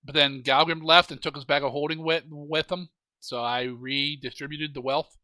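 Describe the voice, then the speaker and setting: Bright, higher-voiced male game master. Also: steady tone, normal speed, dry recording. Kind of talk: casual tabletop game talk.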